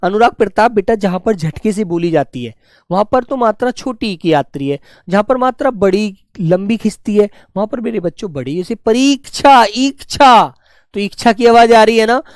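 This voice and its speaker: A male teacher giving a spelling class, dictating words slowly and repeating each one, talking to pupils in a fatherly way. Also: high voice, lively intonation, no echo, studio quality. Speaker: Hindi teacher.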